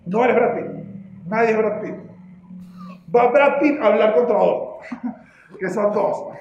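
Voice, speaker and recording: A high-pitched man with a Venezuelan accent chats and tells stories with lots of animation and laughter. His voice echoes around the room, and the audio sounds dull and muffled. He sounds like a podcast co-host. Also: slow, creaky, slight background noise. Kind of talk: casual chat. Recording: roomy, dull faulty audio.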